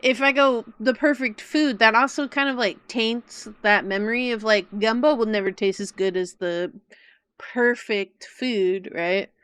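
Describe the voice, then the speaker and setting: Bright, crisp-voiced woman streamer chatting. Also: a little high, unhurried. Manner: chatty, thinking aloud. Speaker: streamer reacting to a video. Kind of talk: casual livestream reaction chat.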